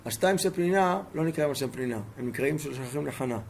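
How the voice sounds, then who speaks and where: A man's voice: on the high side, vocal fry. A man teaching a Torah lesson as a rabbi, telling stories emphatically and throwing rhetorical questions at his listeners.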